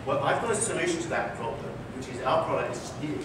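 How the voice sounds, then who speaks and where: Fast and expressive, with a fairly high pitch, a male physician answers an interviewer on a conference stage, driving home and repeating his core points articulately. The audio is noisy and reverberant, picked up from a distance in the hall.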